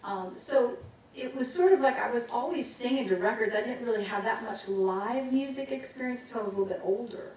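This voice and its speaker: A woman's voice: on the high side, lively intonation, brisk, a little mellow, slight background noise. Middle-aged female vocalist, loose rambling talker who breaks into scat; distant, reverberant hall sound. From Maryland, USA. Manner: rambling, scats and sings snippets. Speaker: guest vocalist. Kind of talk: casual onstage interview. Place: recital hall. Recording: roomy hall, distant mic.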